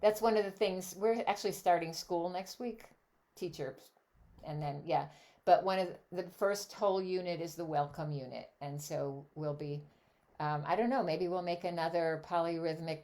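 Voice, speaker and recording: An older Swiss-born woman whose native language is German talks as a guest songleader in a relaxed video chat interview, wandering off into many asides. Her voice sits on the low side, a little mellow, at a moderate pace.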